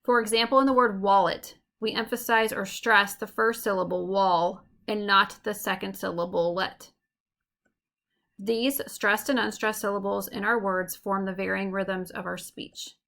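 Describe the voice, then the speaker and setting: A woman teacher giving a recorded lesson, explaining clearly and slowing down to tap out rhythms. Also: medium pitch, fairly even intonation, sharp tone.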